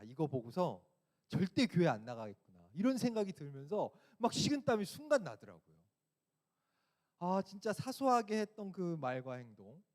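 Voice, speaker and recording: Guy pastor preaching to teens, voice jumps all over, kinda high, tells stories and keeps asking the kids questions. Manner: animated storytelling with rhetorical questions to listeners. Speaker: assistant pastor. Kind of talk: sermon to a teen youth group.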